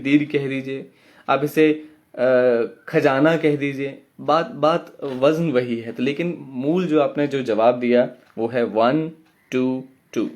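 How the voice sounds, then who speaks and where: Slow, measured man teaching poetry meter. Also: mid-range voice, a little mellow. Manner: slow, drawn-out chanting of syllable counts. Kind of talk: online lesson.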